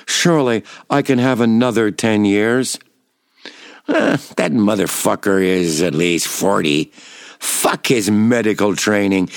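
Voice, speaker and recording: An older man in his seventies reads his own memoir with a stage actor's drama. He swings from hushed, low murmurs to sudden raised outbursts and swears bluntly. His voice sits at an average pitch and sounds dry and close, with no room echo. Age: 70s. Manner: blunt, profane. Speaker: memoir reader. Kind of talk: dramatic first-person memoir reading.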